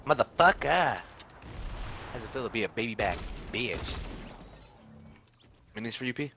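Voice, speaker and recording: A man's voice: mid-range voice, animated, a little slow, sharp tone, slight background noise. A man teaming up in an online game, joking around and cursing casually. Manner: laid-back, swearing, joking. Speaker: gaming partner. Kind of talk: casual gameplay chat.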